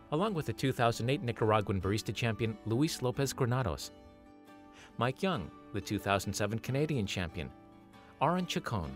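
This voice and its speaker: Male narrator, mid-range voice, scripted documentary read over clear guitar music. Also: medium pitch.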